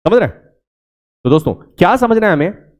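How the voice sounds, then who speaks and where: A man from India leads a spoken English demo class, firing rhetorical questions at his students and stretching words out to show pronunciation. His voice sits a bit high for a man and swings widely in pitch. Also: big pitch swings, a little fast.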